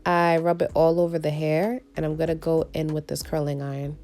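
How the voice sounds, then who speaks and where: A woman beauty vlogger with a raspy, gravelly voice from a recovering cold, giving a tutorial voice-over. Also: low-pitched, little pitch movement, brisk, warm tone, soft background music.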